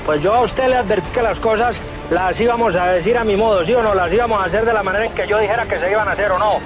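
A man's voice: high-pitched, over loud music, lightly acted. A man playing a short-tempered, bossy club owner on a radio prank call, blustering and scolding. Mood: threatening. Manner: blustering, scolding, rapid-fire. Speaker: prank caller.

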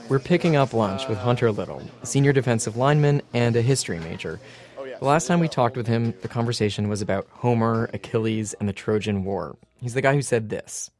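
A man's voice: medium pitch, fairly quick, darkish tone. A man in his forties narrating a reported documentary podcast in a dry, wry storytelling manner.

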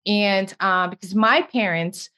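A woman's voice: mid-range voice, slow pace, pushed and bright. A woman from Cape Verde hosting a podcast, chatting casually in a rambling way, restarting sentences often. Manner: rambling, with frequent restarts and fillers. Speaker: podcast host. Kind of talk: casual chat.

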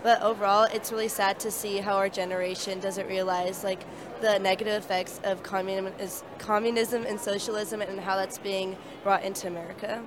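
A woman's voice: medium pitch, flat delivery, brisk, background noise. A young woman from California giving earnest, casual interview answers in long run-on sentences.

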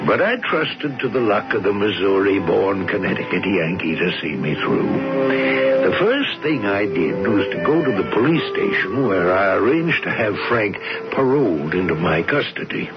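An actor playing Mark Twain as a wry, shrewd, folksy American storyteller in a 1970s radio drama. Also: male voice, lowish voice, sing-song, moderate pace. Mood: wry, confident. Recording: muffled vintage radio broadcast with music.

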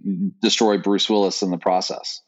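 A man's voice: low voice, little pitch movement, moderate pace. A man co-hosting a casual movie podcast, chatty and teasing, often laughing. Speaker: podcast co-host. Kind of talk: casual movie-list chat. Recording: dull lo-fi recording.

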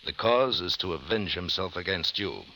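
Scarborough, a silky deep-voiced killer. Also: male voice, animated, moderate pace, pushed and bright, slight background noise, heavily acted, low-quality recording. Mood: coolly menacing. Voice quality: formal, mannered diction. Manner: silky and menacing. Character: suave cold-blooded male hired killer. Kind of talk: 1950s radio drama acting.

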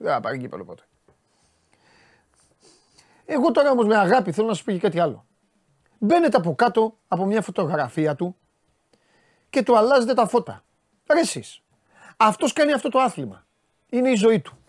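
This sports commentator has a Greek accent and a high voice, recorded in clean studio sound with no echo. Hosting his talk show, he casually and exasperatedly scolds his viewers with rhetorical questions.

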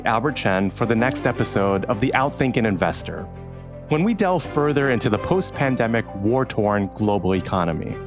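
A man hosting a podcast, delivering scripted narration with music behind him. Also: mid-range voice. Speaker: podcast host. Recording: prominent music bed behind voice.

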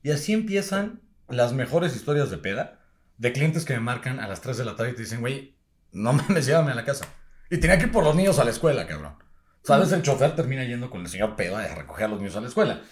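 A man's voice: medium pitch, very animated, quick pace, roomy sound. A Mexican man, a business owner, telling stories with crude slang in a casual podcast chat. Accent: Mexican Spanish. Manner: storytelling with crude slang, acts out drunk clients. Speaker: guest, owner of designated-driver service.

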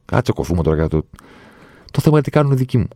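A middle-aged man with a very low, warm, mellow voice talks straight into a close microphone in a dry room. He builds his opinions emphatically, circling back with repeated phrases, thoughtful rather than loud. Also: very animated, no echo. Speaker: podcast host. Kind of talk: solo opinion monologue.

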